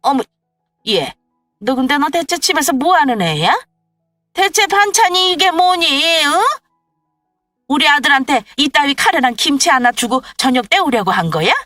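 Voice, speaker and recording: A woman voicing a bossy, contemptuous older mother-in-law who scolds in a shrill, sneering way. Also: big pitch swings, normal speed, sharp tone, dry recording, recorded from a distance, faint music behind, heavily acted. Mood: scolding.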